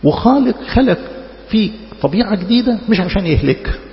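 A man's voice: high voice, lively intonation, brisk. A man with an Egyptian Arabic accent preaches in a colloquial, conversational way, asking rhetorical questions and repeating words for emphasis. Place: large reverberant hall. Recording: muffled, echoey hall with long reverb.

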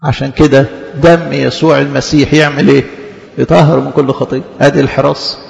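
A man with an Egyptian Arabic accent preaching a sermon as a priest, animated, stretching key words and laughing softly. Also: medium pitch, fairly quick, creaky, in a large hall, highs cut off.

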